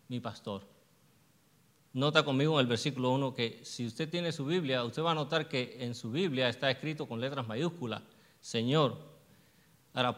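A man's voice: medium pitch, a bit bright. Male preacher, sermon delivery, mid-range voice, call-and-answer questions, long church reverb. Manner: asks the congregation questions and answers them himself; slows down to stress verses.

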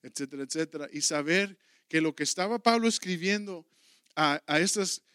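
A man preaches a Bible class in an earnest, emphatic way, circling back to key phrases and pressing his listeners to answer. His voice sits a little high for a man. The sound is dry and close, with no room around it. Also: moderate pace, fairly bright tone, clear, resonant tone, no room sound. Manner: earnest, repetitive preaching with rising emphatic calls. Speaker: pastor teaching a Bible class. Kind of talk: sermon-style Bible teaching.

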